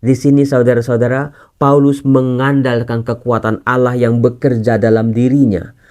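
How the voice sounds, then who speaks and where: A man's voice: mid-range voice, little pitch movement, normal speed, a little mellow, clear, resonant tone. Priest, male, mid-range voice, earnest Bible teaching with casual asides. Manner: earnest, addresses listeners as brothers and sisters; mixes casual colloquial asides into formal teaching.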